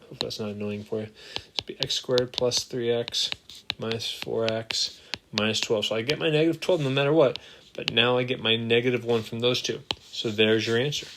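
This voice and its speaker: In a screen-capture math lesson, a man writes on screen while talking through examples, joking about his slips and keeping an upbeat mood. His voice is mid-range and steady at a moderate pace. It's captured with a desktop microphone, and the audio is noisy with ticking.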